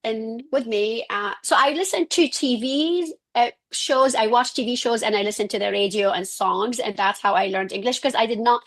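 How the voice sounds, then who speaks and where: A middle-aged Syrian physician with an Arabic accent tells her personal story as an interview guest. She speaks earnestly at a moderate pace with few pauses, often restarting and correcting herself, in a fairly high-pitched voice.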